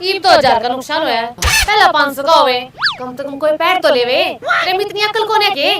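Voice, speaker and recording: A woman with a Haryanvi accent acting in a comedy sketch, sharp-tongued and scolding. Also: high-pitched, expressive, fairly quick, very noisy. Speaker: comic actor.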